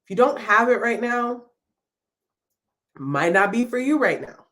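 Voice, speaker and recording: A woman hosting a live-streamed podcast from indoors at home. She welcomes viewers warmly and talks in a reflective, encouraging way, with frequent ums. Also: on the high side, lively intonation, a little slow. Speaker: podcast host.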